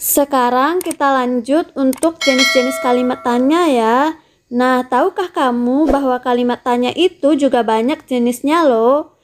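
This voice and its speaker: A woman's voice: high-pitched, normal speed. A woman narrating a primary school lesson, talking to the pupils in a friendly way and putting questions to them. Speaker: teacher.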